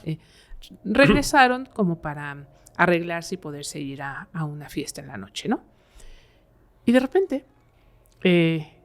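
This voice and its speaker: A woman, a podcast guest, telling a horror story in a conversational way, full of fillers. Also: low voice. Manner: conversational, many fillers like "eh" and "este".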